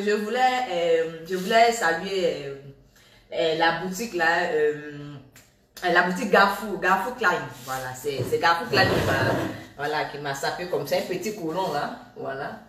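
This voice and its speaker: Young woman, casual live-stream talker, animated and repetitive; echoey room, phone mic at a distance. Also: on the low side, normal speed, a little hiss or hum. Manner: animated, repetitive, scolding then laughing. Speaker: social media personality. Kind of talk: casual live video to followers. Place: at home, indoors.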